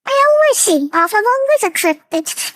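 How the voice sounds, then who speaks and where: A woman's voice: very high-pitched, big pitch swings, moderate pace, fairly bright tone, no echo, clean studio sound, pitched above the performer's own voice, exaggerated voice. A woman streamer talking through an AI voice changer that turns her into an artificial anime-girl voice, chatting playfully with her viewers. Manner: playful, teasing her chat. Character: synthetic high-pitched anime girl voice. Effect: AI voice changer with a synthetic anime-girl sound. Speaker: live streamer. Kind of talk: casual live-stream chat.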